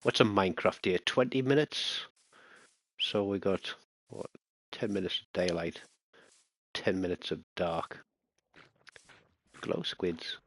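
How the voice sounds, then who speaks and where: Deep-voiced yet fairly bright in tone, a gaming channel host speaks slowly and pauses often while playing a survival game. His casual let's-play commentary is mostly muttered to himself, with sudden alarmed bursts at the sight of enemies.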